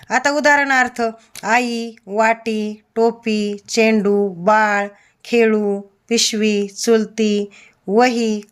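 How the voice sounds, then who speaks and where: Slow, measured Marathi woman teacher. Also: on the high side, a bit bright. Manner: reads out word lists one by one, measured. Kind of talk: slow scripted lesson.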